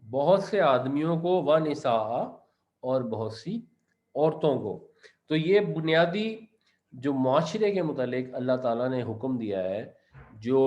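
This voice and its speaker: A man's voice: mid-range voice, a little mellow. Man teaching Quran commentary, lo-fi. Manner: explains grammar step by step, recites Arabic verses then translates.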